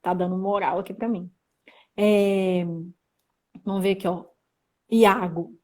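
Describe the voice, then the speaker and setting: A woman's voice: mid-range voice, level tone, takes it slowly, a little mellow. A young woman from Brazil hosting a casual livestream lesson, chatting and reading viewer comments aloud. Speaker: livestream host teaching Mandarin.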